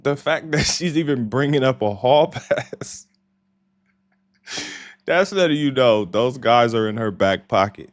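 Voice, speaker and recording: A man's voice: medium pitch, no room sound. A man hosting a reaction channel, commenting with incredulous, scolding remarks and laughing asides.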